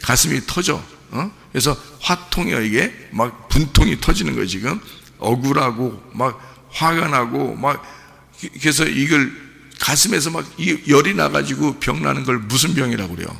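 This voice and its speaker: Gravelly pastor preaching in a reverberant church. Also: male voice, medium pitch, normal speed. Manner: animated, repeats phrases, asks the congregation questions. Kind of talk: sermon. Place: church sanctuary. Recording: long reverb of a church hall.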